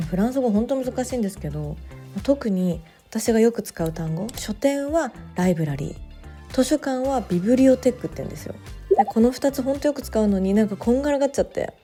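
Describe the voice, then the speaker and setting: A woman narrating her vlog in a relaxed voice-over, chatty and gently enthusiastic, with soft fillers. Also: mid-range voice. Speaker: bookstore owner vlogger.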